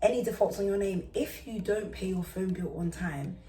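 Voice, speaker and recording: A woman's voice: medium pitch, normal speed, warm tone. A woman, giving emphatic advice in a casual chat. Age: 30s. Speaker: guest. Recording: roomy and distant from the mic.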